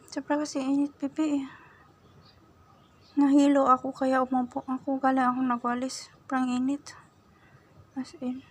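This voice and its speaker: A woman's voice: sits high, completely flat delivery, moderate pace, pauses often, breathy edge. A woman talking doting baby talk to her cat at home, mixing Tagalog and English. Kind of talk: casual baby talk to a pet. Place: outdoors at home after sweeping.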